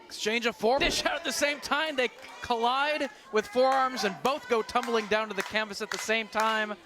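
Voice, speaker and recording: A man calling live wrestling play-by-play, excited and clipped, often raising his voice to a shout. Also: very high-pitched, normal speed. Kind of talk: live sports commentary. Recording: loud crowd and noise behind. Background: wrestling crowd.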